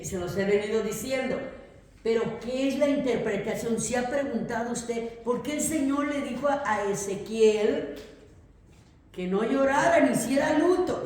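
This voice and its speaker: A woman's voice: a little high, darkish tone. A woman teaching a theology class, emphatic, often asking questions and repeating her points. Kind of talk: classroom lecture. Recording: very echoey room.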